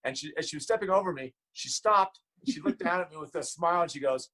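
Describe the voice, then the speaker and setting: Man, a bit high voice, casual chat, animated anecdote. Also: quick pace, poor audio. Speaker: interviewer.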